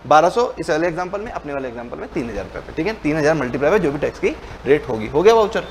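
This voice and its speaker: Guy teaching commerce, kinda high voice, plays the student asking questions then answers himself, faint noise in the back. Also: big pitch swings, very fast. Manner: colloquial, mixes Hindi with English terms. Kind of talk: lecture with role-played dialogue.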